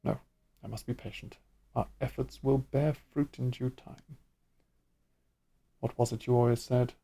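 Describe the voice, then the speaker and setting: A man reading out a video game cutscene, voicing a sinister male imperial lord who speaks in a slow, measured, gravelly way. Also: mid-range voice, fairly even intonation, warm tone, pitched below the performer's own voice. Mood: brooding.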